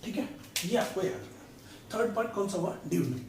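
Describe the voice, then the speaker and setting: Brief: high-voiced male tutor, playful analogies, echoey room. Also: big pitch swings, brisk, recorded from a distance. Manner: asks the class checking questions, tells playful analogies. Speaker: biology tutor. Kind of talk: casual classroom explanation with stories. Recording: echoey room from off mic, faint noise.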